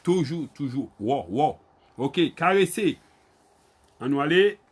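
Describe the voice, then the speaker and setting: A man with a Guadeloupean Creole accent teaching an online Creole lesson. He repeats each word slowly, spells it out letter by letter and calls on his students by name. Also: fairly high pitch, lively intonation, breathy edge.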